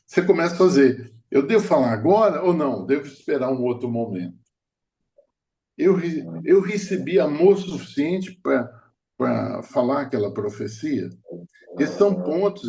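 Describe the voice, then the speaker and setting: A man's voice: mid-range voice, vocal fry, a little mellow. A middle-aged man preaching a sermon as a prophet, telling personal stories with frequent restarts. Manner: storytelling, hesitant restarts, laughing at own stories.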